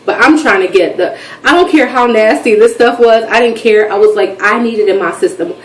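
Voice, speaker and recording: A woman in her thirties chatting in a rambling, animated way for her video diary. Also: on the high side, fairly quick, far from the mic. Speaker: vlogger. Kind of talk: casual chat. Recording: echoey room, voice from off mic, faint background noise.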